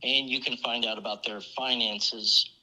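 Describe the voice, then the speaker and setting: A man on a speakerphone answering a board's questions, halting and asking them to repeat things. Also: mid-range voice, steady tone, sharp tone, low-quality recording. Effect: heard over a speakerphone. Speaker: engineering consultant on a call.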